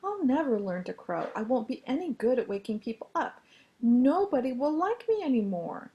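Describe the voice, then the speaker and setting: A woman's voice: on the high side, sing-song, normal speed, highs cut off, voice pushed up. A woman voicing an anxious young male rooster in a storybook read-aloud, sounding worried and gloomy. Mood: fretful.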